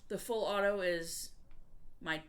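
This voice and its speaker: Low-pitched woman streaming games, casual and chatty. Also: slow pace. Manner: conversational, explaining game tips to viewers. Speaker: variety gamer and streamer. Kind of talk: casual live game stream chat.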